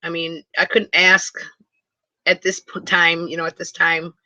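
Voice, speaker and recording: A woman from Wisconsin talks to her viewers from inside her motor home in a bright, forward voice. She rambles, restarts her sentences and gets excited easily. The sound is dry and dull, like a lo-fi computer mic on a live stream. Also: lowish voice, unhurried, no echo. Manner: chatty and rambling, with many restarts. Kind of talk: casual live chat with viewers. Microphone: computer mic for a video hangout.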